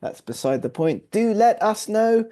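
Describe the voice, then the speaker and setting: A man's voice: high voice, sing-song, measured pace, dark tone. An English man hosting a live online webinar over a video call, upbeat and welcoming, piling on praise words. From England. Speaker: webinar host.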